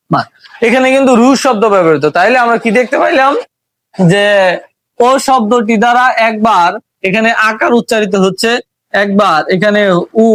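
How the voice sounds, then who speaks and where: A man's voice: high-pitched, a bit bright, dry recording. A man teaching a spoken language lesson, explaining patiently, repeating points and asking rhetorical questions, with a Bangladeshi Bengali accent. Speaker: English teacher.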